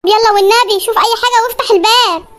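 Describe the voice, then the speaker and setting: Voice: very high voice, steady tone, very fast, a bit bright. A voice actor playing a bossy, scatterbrained cartoon housewife with an Egyptian accent, scolding and exclaiming. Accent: Egyptian Arabic. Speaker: cartoon wife. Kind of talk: comedy cartoon voice acting.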